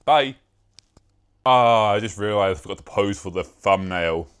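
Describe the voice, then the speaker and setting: A man's voice: fairly low pitch, unhurried, fairly bright tone, clear, resonant tone. A young British man talking casually to the camera in a vlog, rambling and self-mocking, with casual swearing. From Britain. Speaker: YouTuber.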